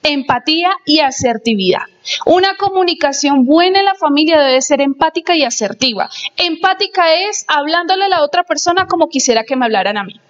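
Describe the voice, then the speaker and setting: A woman's voice: high-pitched, animated, fairly quick. A woman giving a live lecture on family life, asking the audience questions and acting out little anecdotes. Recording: dull lo-fi recording.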